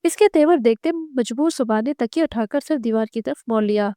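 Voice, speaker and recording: Clear-voiced woman reading a novel. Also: on the high side, fairly quick, dry recording, clean studio sound. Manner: steady narrating read. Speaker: novel reader.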